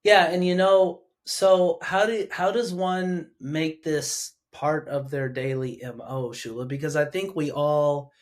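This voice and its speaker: A man hosting a podcast interview, talking in a casual, animated, chatty way. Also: fairly high pitch, takes it slowly, few pauses. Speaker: podcast host.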